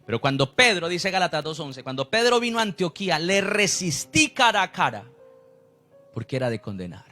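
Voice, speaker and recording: A man's voice: sits high, big pitch swings, brisk, sharp tone, faint music behind. A man, preaching a sermon as a pastor, who acts out the people he quotes.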